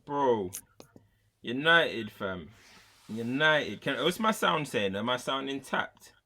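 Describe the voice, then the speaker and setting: A man's voice: medium pitch, big pitch swings, slow, bright, forceful tone. A man with a London roadman accent and slang, speaking emphatically in a heated football fan debate. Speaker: football show panelist.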